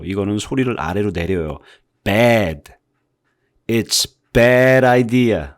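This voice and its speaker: In a video lesson on English phonics, a man whose first language is Korean speaks with a somewhat low, gently mellow voice. Patiently, he walks through explanations and says example words again and again to show how the vowels sound.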